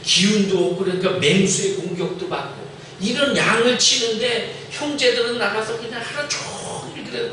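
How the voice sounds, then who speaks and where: Male pastor, colloquial storytelling sermon, high-pitched, distant mic, faint background noise. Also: a bit bright. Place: church sanctuary. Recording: echoey church hall from far off.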